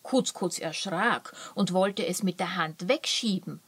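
A woman calmly reading a children's story aloud. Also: fairly low pitch, measured pace, slightly rough, dry recording. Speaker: narrator.

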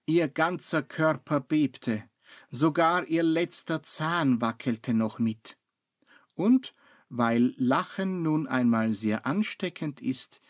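Very slow, calm male storybook narrator. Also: mid-range voice, dry recording, clean studio sound. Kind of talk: children's storybook reading.

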